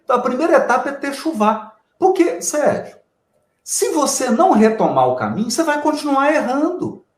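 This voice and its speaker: Guy teaching spiritual stuff, high lively voice, echoey room. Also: normal speed. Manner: animated explaining, addresses the host by name. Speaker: guest speaker. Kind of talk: didactic spiritual talk.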